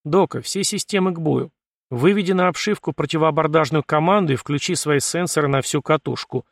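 A man's voice: fairly high pitch, a little fast, creaky, no echo, studio quality. Man doing a brash young starship captain. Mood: defiant. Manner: curt, scornful, commanding. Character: blunt, brash young male ship captain.

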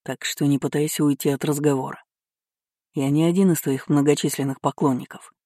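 A sardonic young marquis, as an audiobook reader puts him on, speaking with dry, mocking humor. The tone is warm and mellow, recorded close and dry. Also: medium pitch, fairly even intonation, brisk, no echo, natural voice. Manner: wry, mocking. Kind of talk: audiobook character reading.

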